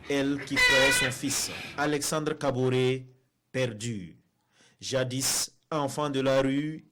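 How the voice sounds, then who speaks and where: A man's voice: mid-range voice, heavy background noise. Man reading a news report. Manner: measured, formal delivery.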